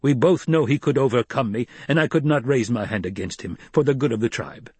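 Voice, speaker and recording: A man's voice: mid-range voice, a little fast, darkish tone, husky, no room sound, close to an everyday voice. Man acting growling older desert warrior, Stilgar. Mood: grave, yielding. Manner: growling, muttering, grave.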